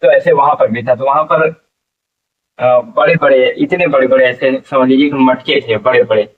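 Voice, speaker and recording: A man teaching an English vocabulary lesson, explaining slowly and repeating each word, asking questions and answering them himself. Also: mid-range voice, steady tone, distant mic, narrow, tinny audio.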